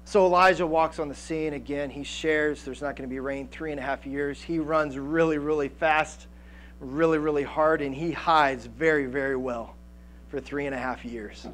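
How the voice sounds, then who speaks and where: A man in his thirties preaching a sermon on a church stage through a headset mic, animated, with frequent restarts and fillers. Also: a little high, moderate pace. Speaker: pastor. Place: church stage with band gear, indoors.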